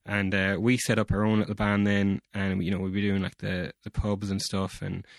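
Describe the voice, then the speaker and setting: A man's voice: lowish voice, completely flat delivery, moderate pace, gravelly, no room sound, studio quality. A young man with a West of Ireland accent chatting casually in a rambling, informal way, full of filler phrases. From County Mayo, Ireland. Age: young adult. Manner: rambling, informal, peppered with 'like' and 'you know'. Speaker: guest, bass player. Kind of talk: casual chat.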